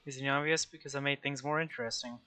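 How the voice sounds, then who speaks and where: A man voicing a haughty, coldly cruel young noble heir from a video game, calm and condescending as he reads the lines aloud. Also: medium pitch, fast talker, smooth, close to an everyday voice. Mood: smug.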